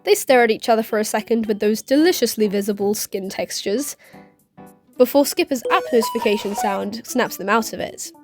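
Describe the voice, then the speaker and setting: A young woman in her twenties talks through a film recap in a rambling, sarcastic style and throws in giggly asides. Her voice sits a little high, and faint music plays under her. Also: normal speed, darkish tone. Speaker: YouTube commentator. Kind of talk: casual commentary vlog.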